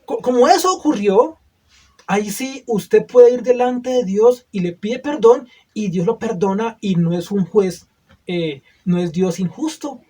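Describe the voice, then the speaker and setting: A man's voice: high voice, unhurried, mellow. A male preacher giving a sermon, earnest and full of rhetorical questions to the listeners.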